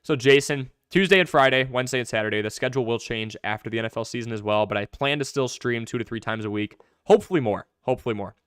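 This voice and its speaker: A young man hosting a live fantasy football stream, answering viewer questions in quick, chatty commentary. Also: medium pitch, a bit bright, smooth, no echo, clean studio sound. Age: young adult.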